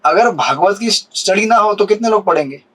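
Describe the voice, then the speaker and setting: A man with a notably high speaking voice delivers a Hindi sermon on scripture. He keeps turning to his listeners with questions and slips English words into his talk. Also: lively intonation, moderate pace, a bit bright, low-quality recording. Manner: asks the audience questions, mixes English words. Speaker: spiritual teacher.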